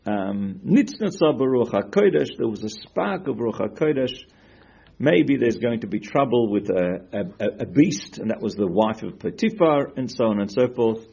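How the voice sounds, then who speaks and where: Gravelly-voiced man teaching a Torah class. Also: mid-range voice, muffled recording. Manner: questioning, animated, quotes Hebrew sources.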